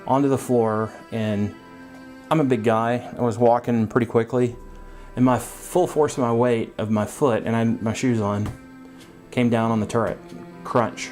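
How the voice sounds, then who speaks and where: A man giving a casual update on his scale model hobby channel, talking in a relaxed, rambling way with lots of ums and uhs from his workbench. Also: on the low side.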